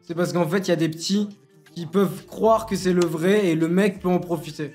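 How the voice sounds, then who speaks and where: Jeune homme rapide et gouailleur. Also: male voice, high voice, steady tone, a little mellow, soft background music. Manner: slangy, bossy, teasing. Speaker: game server admin and YouTuber. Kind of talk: casual Let's Play commentary.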